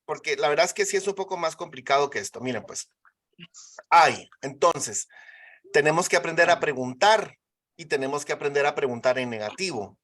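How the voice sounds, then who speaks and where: Patient teacher explaining slowly. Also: medium pitch, expressive, fairly bright tone. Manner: patient, repeats and checks understanding. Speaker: English teacher. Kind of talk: live online English class.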